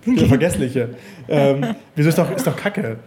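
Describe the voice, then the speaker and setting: A man's voice: on the high side, animated, moderate pace, warm tone. A man chatting casually on a podcast, rambling with restarts and frequent laughs. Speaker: podcast host.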